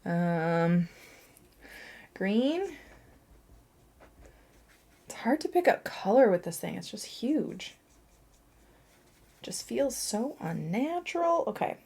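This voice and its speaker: A woman's voice: mid-range voice, very animated, takes it slowly, long pauses, a little mellow, slightly rough. A young woman, a watercolour artist, chatting casually and laughing at herself as she paints. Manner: chatty, self-mocking, thinking aloud with laughs.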